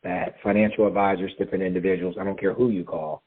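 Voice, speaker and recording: A man with a lower voice walks listeners through a process on a call. He is emphatic and poses questions only to answer them himself. The sound is narrow and tinny, like a phone line. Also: flat delivery, fast, slightly rough. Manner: emphatic, answers his own rhetorical questions. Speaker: guest speaker explaining crypto. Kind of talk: explanatory call talk.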